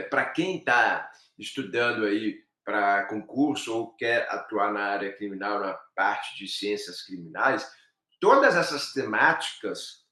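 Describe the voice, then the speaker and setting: Animated Brazilian man teaching law. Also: mid-range voice. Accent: Brazilian Portuguese. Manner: lively, animated, talks directly to students. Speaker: law professor. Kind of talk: live online class. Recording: echoey room.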